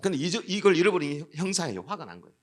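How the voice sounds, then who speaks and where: A middle-aged man tells stories to an audience, switching into the voices of the people in them. His speech rises and falls a great deal, and he sits a little higher than most men. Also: big pitch swings, quick pace. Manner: storytelling, switches into voices of students and police. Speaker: education official giving a talk. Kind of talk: anecdotal lecture with acted dialogue.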